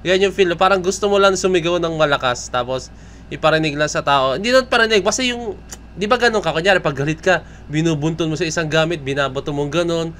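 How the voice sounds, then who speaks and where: This reaction vlogger, a young man with a Filipino accent, chats fast in a slightly high, fairly bright voice over a bit of hiss or hum. Reacting to a music video, he blends Tagalog with English and often ends lines with a questioning "no?".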